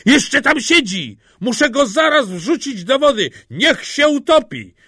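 A man's voice: mid-range voice, very animated, unhurried, fairly bright tone, no echo, clean studio sound. A man doing a sly, cunning peasant. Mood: sly teasing. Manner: playful mock-fearful banter.

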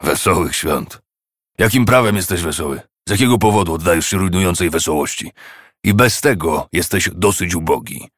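A man's voice: low voice, expressive, moderate pace, a bit bright, no echo, studio quality. A man voicing a miserly, grumpy old man who scolds and mocks in a harsh, scornful way.

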